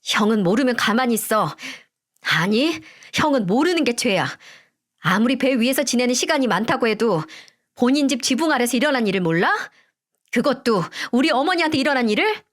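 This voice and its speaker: A woman voicing a furious, betrayed middle-aged husband who shouts accusations. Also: fairly high pitch, lively intonation, a little fast, lightly acted.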